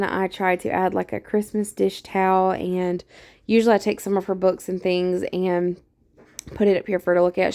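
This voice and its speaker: A woman's voice: medium pitch, darkish tone, clean tone. A young woman, chatting casually while walking through her home with a handheld camera and laughing often. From Louisiana. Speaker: vlogger.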